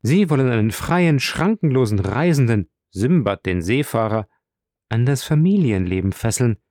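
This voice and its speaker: A man reading the part of a lively, teasing young nobleman with animated, exclaiming lines in an audiobook. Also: medium pitch, moderate pace, no room sound, clean studio sound, lightly acted.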